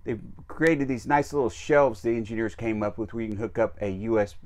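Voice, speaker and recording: A man giving a casual walkthrough tour of a travel trailer. He talks in a relaxed, chatty way with frequent fillers, recorded on a handheld camera mic while he walks around inside. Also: lowish voice, a little fast. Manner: easygoing, chatty, with frequent uh fillers and small restarts. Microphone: handheld camera mic while walking.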